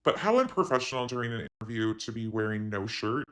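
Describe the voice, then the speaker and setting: Fast and animated, a man with a lowish, fairly bright voice runs an opinionated online commentary, addressing viewers directly. His voice is altered by a voice changer.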